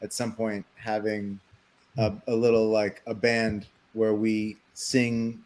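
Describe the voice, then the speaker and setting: A man's voice: on the low side, monotone, slow pace, a little mellow, rough recording. A man co-hosting a casual live stream, rambling and joking as he talks. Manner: rambling, restarts, jokey. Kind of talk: casual chat.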